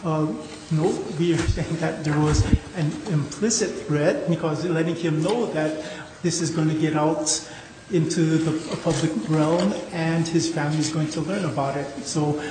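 A man speaking as a lawyer in oral argument, with halting, hedging, informal phrasing. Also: fairly high pitch, steady tone. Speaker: lawyer arguing an appeal. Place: indoor courtroom. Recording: echoey courtroom, faint noise.

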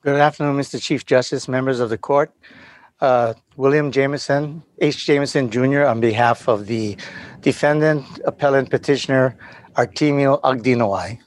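Male appellate lawyer, medium pitch, dry sound. Formal argument delivered haltingly, in broken-up phrases. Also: no echo. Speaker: defense attorney arguing an appeal. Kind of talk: formal oral legal argument.

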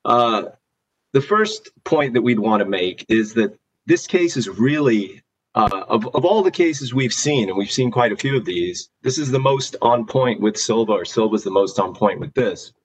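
A man speaking as a lawyer in formal oral argument, deliberate and emphatic. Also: medium pitch, lively intonation, breathy edge, poor audio. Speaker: lawyer arguing an appeal.

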